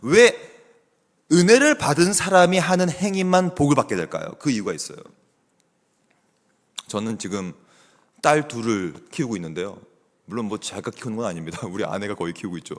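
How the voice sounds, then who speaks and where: A middle-aged man, a theology professor, preaching a sermon as a guest with animated storytelling, chatting with the congregation. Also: on the low side, a little fast, pauses often. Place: church sanctuary. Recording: long church hall reverb.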